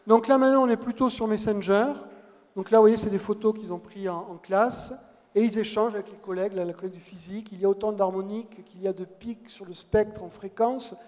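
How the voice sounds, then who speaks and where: A man's voice: high-pitched, steady tone, fairly quick, darkish tone. A man giving a public lecture, telling stories and dropping wry asides. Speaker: conference speaker. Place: large lecture hall. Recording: long hall reverb.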